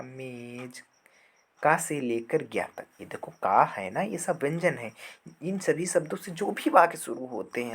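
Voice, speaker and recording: A man teaching a grammar lesson, explaining patiently, repeating words and sounds, and asking and answering his own questions. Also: medium pitch.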